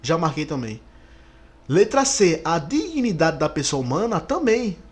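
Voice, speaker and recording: Brazilian male teacher, slightly high voice, animated exam-prep explainer. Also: a little slow. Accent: Brazilian Portuguese. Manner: lively, stretches key words, checks in with the class.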